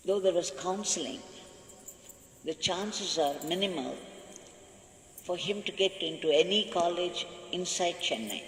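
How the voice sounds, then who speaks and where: A man's voice: high-pitched, lively intonation, unhurried, pauses often, fairly bright tone. A man tells a devotional story in a slightly raised voice, leaning hard on key words with growing conviction. His voice rings through a large, reverberant hall. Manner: earnest, emphatic retelling with rising intensity. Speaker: spiritual speaker. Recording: echoey hall with long reverb.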